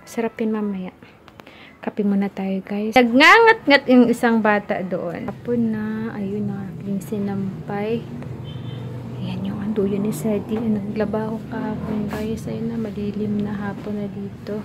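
A woman's voice: mid-range voice, fairly even intonation, a little slow, very noisy. A woman who is a mother and vlogger, filming at home and chatting casually to her viewers between bursts of playful baby talk. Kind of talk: casual home vlog, talking to camera and baby.

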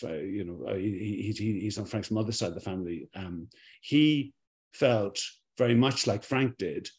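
On a webcam video call from a room at home with bookshelves, a middle-aged documentary director from Ireland answers questions thoughtfully. His voice is low-ish and somewhat dark. He tends to repeat words as he gropes for what he means.

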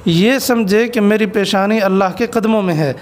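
High-voiced man preaching earnestly. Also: moderate pace. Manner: earnest and exhortative, storytelling. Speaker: Islamic cleric, interview guest. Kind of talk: preaching answer in an interview.

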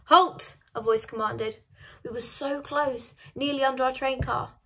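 A woman's voice: sits high, fairly even intonation, normal speed, breathy edge. Woman reading a novel aloud. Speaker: reader of a novel.

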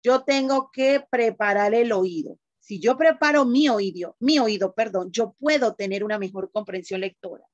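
A woman's voice: on the high side, normal speed, few pauses, no room sound, muffled recording. A woman teacher giving an online class, explaining patiently and asking the class questions.

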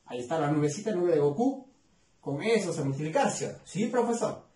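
A man teaching arithmetic to children, coaxing them with many quick questions. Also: fairly high pitch, expressive, dark tone, far from the mic. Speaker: math teacher. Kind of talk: explaining a lesson to children. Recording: echoey room, voice away from mic.

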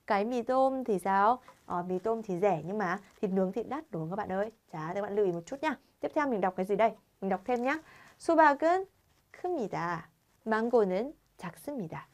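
Woman teacher talking fast thru a grammar lesson, keeps asking students questions. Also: mid-range voice. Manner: quizzes viewers with rhetorical questions. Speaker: Korean language teacher. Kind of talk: grammar lesson for Vietnamese learners.

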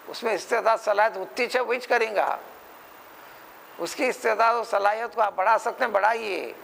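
Speaking with a Hyderabadi accent, a Quran scholar from India delivers a religious talk in a high, slightly bright voice roughened by gravel. He hammers his points home through rhetorical questions and fast imitations of others, while faint room hiss fills the rough recording.

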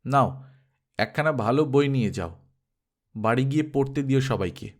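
A man's voice: mid-range voice, animated, moderate pace, natural voice. A male storyteller voicing a proud, condescending older village schoolmaster. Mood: coaxing.

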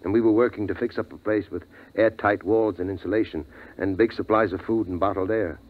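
In a 1950s radio drama, a man plays a grave, weary, middle-aged father, a survivor solemnly recounting his story. His lowish voice is brisk and natural, with fairly even intonation, and the mood is grave and reflective. The vintage recording sounds thin and phone-like.

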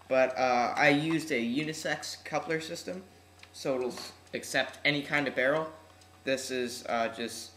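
A teenage man with slightly odd articulation from braces, giving an offhand, slangy, unscripted demonstration for a casual home vlog. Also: medium pitch. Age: teens. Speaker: hobbyist video host. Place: large room at home, indoors. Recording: echoey room, noisy webcam-style audio.

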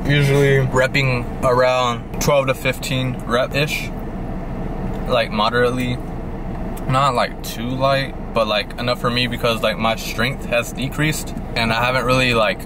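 Young male vlogger, loose rambling chat, mid pitch, noisy car background. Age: young adult. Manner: laid-back, rambling with many fillers. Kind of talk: casual vlog chat. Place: parked car, then gym.

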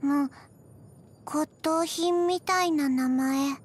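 In scripted video game voice lines, a tiny zombie girl speaks in a high, childlike voice, very slowly and softly in halting pieces with frequent pauses. Flat, drowsy and deadpan, she seems emotionless yet gentle, as though her memory returns bit by bit.

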